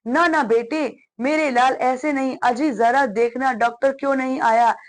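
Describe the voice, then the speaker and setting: Woman reading as a worried mom soothing her sick kid, high and fretful. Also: slow pace. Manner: soothing yet worried, raised pitch. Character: anxious loving mother fretting over her sick son.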